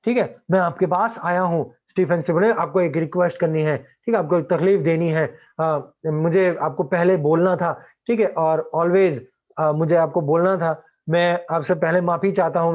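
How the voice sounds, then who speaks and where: A man's voice: a little high, a little mellow. An Indian man teaching a play, explaining it in Hindi and English and acting out the characters' lines. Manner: reads lines aloud slowly and acts out characters with laughs. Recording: dull lo-fi sound.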